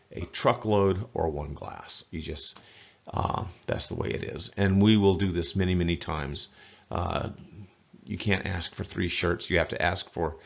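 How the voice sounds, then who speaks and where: A man giving a casual spoken language lesson, chatty and folksy, slowly repeating words to model pronunciation. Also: deep voice, vocal fry, highs cut off. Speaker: language teacher.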